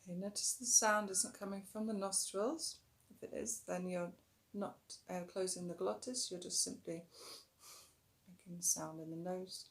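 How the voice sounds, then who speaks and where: A woman with a lowish, slightly rough voice leads a yoga breathing tutorial, calm and instructive throughout. Her words occasionally slow and lengthen, and she softens when guiding the breath.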